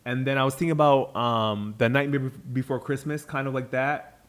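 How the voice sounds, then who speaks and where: A man talking casually as he coaches someone on acting. He fills his talk with fillers and restarts, and his pitch sits in an ordinary middle range. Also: fairly even intonation, a little fast, clean tone. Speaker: host teaching acting. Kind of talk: casual chat.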